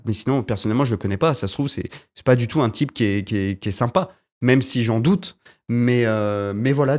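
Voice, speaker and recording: A man's voice: medium pitch, darkish tone. A young man hosting his own podcast in a casual, rambling monologue at home, restarting and correcting himself often. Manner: rambling, self-correcting, frequent hesitations. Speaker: podcast host. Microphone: desk podcast mic.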